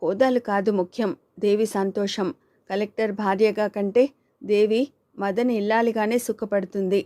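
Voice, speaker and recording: A woman's voice: mid-range voice, fairly even intonation, normal speed, close to an everyday voice. Woman reading a bold young friend. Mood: arguing. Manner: scolding, urging, sharp retorts. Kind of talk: audiobook character reading.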